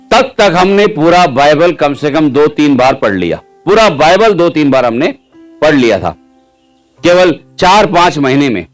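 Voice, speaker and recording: Male preacher with a somewhat high voice, lively testimony storyteller who keeps quizzing the audience, faint music behind. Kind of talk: sermon testimony.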